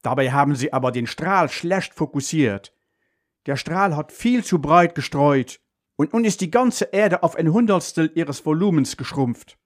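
A man voicing a calm male superhero who answers an emergency call, explaining in a steady, matter-of-fact way. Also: a little high, measured pace. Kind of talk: school radio story reading.

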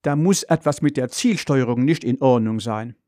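A man doing a gentle dreamy mom. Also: medium pitch, moderate pace, dry recording, clean studio sound, lightly acted. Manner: soothing, then excited.

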